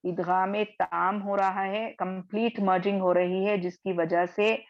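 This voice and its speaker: A woman teaching a recitation class over a video call, patiently explaining and slowly repeating each example. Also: medium pitch, steady tone, highs cut off. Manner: slow drawn-out recitation of examples. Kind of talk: online class lesson.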